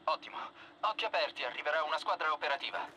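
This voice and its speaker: A man's voice: fairly high pitch, quick pace, sharp tone. A man voicing a curt, secretive government handler who speaks over a walkie-talkie radio in dubbed video game dialogue. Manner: clipped, terse, commanding.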